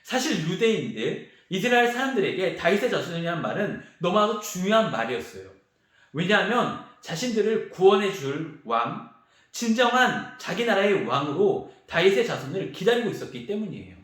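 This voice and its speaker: A male youth pastor preaching a sermon to teenagers, telling the story with animated energy and acting out the voices of the crowd and the beggar. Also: high-pitched, normal speed. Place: large church sanctuary. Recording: very echoey church hall.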